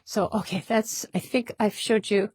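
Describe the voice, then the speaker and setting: A woman's voice: medium pitch, steady tone, normal speed, a little mellow, dry recording. A woman hosting a casual product demonstration in a fabric shop, chatty and upbeat, often repeating herself.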